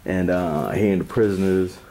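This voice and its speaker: Deep-voiced laid-back man. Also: normal speed, dark tone, reverberant. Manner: laid-back, streetwise, swears casually. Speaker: urban explorer. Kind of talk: casual walk-through narration. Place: indoors in an abandoned police station.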